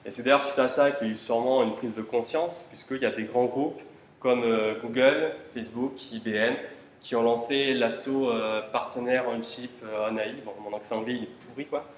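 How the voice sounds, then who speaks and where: This male conference speaker talks fairly quickly with fairly even intonation in a mid-range voice. His informal tech conference talk features rhetorical questions to the audience and casual fillers. Recorded in a conference room, the roomy hall carries faint ambience and slight background noise.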